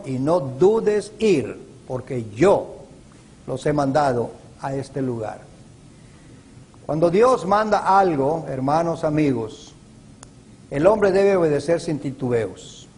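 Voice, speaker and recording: A man preaching a sermon in a slow, emphatic way, with stressed words that rise sharply. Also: a little high, darkish tone. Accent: Latin American Spanish.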